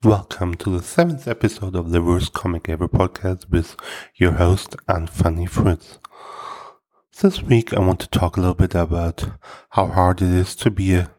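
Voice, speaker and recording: Male comedy podcast host, deep and unhurried, dry self-mocking delivery. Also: darkish tone. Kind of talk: deadpan comedy monologue.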